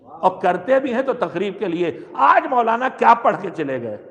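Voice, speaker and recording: High-voiced man preaching in a hall. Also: sing-song, a bit bright, dull audio. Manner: exhorting, rhetorical questions, varied emphasis. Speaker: cleric giving a majlis address. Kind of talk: sermon. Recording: long hall reverb.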